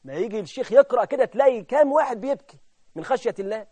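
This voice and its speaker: Egyptian man, very high voice, fervent sermon, hushed asides to loud peaks. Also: lively intonation, rapid-fire, slightly rough, dry recording. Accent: Egyptian Arabic. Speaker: preacher.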